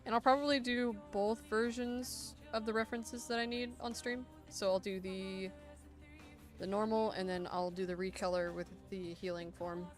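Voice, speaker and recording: A woman's voice: mid-range voice, flat delivery, moderate pace, faint music behind. Congested young woman chatting on stream. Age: 20s. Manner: chatty, playful, self-mocking. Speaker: artist streaming a Q&A. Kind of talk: casual livestream chat. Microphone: desktop mic.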